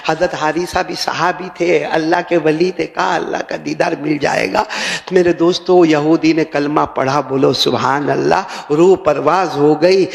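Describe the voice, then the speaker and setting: An older man preaches a sermon to a mosque gathering. His voice sits high and gravelly, and the long reverb of a large hall trails after it. He tells his stories by surging into high, impassioned calls, then dropping into quiet asides. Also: steady tone. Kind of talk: emotional Islamic sermon.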